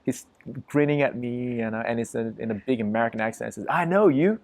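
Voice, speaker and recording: A man's voice: medium pitch, steady tone, fast, creaky, a little mellow, no room sound. A man as an interview guest, telling a vivid story emphatically and swearing freely.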